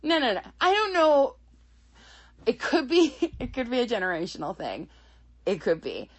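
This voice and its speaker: Chatty woman recapping a show, lively pitch. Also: breathy edge. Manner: chatty, laughing often, many fillers and quick asides. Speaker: show reviewer. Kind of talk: casual spoken recap.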